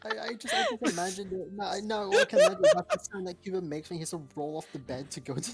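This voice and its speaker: A woman's voice: medium pitch, wildly swooping pitch, quick pace, gravelly, soft background music. A woman in casual podcast chat, teasing and crude, often laughing.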